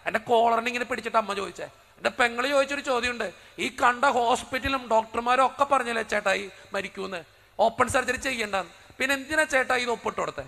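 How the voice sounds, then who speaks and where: A priest preaching a sermon as a personal story, acting out the dialogue with drama. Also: male voice, very high-pitched, quick pace, vocal fry, bright, forceful tone, in a large hall.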